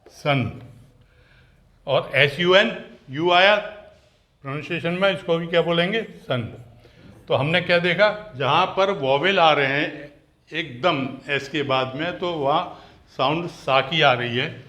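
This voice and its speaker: In an unhurried lesson for parents, a man with a bright, fairly high voice teaches the sounds of letters. He goes step by step, asks lots of questions, and repeats and stretches words out to show how each sound is made.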